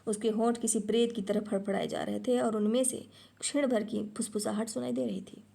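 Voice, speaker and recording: Low-toned gravelly woman reading a story. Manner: measured, steady reading. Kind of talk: reading a short story aloud.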